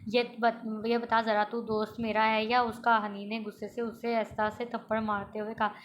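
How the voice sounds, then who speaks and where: A woman's voice: fairly high pitch, flat delivery, moderate pace, slight background noise. A woman reading a romantic novel aloud, voicing all the characters in her own voice with small stumbles and restarts. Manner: reads every character in a mostly plain voice, with small stumbles and restarts. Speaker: novel reader.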